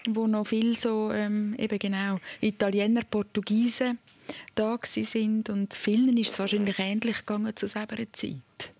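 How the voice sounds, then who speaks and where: Gravelly-voiced Swiss German radio host. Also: female voice, mid-range voice, little pitch movement, moderate pace, dry recording. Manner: conversational, probing, gently prompting. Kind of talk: late-night call-in radio chat.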